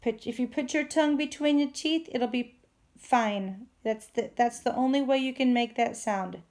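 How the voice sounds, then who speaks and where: A woman teacher giving a phonics lesson to young children, sounding out letters and words with slow, exaggerated speech. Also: a little high, darkish tone.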